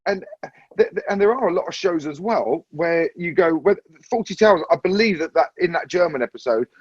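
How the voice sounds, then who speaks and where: A man talks through ideas on a podcast and keeps returning to restate his point. His voice has a husky grain. The audio is dry and a little dull, like a lo-fi recording. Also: a little high, expressive, a little fast, dry recording. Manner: thoughtful, circles back to restate points. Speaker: podcast panelist. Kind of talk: casual podcast discussion.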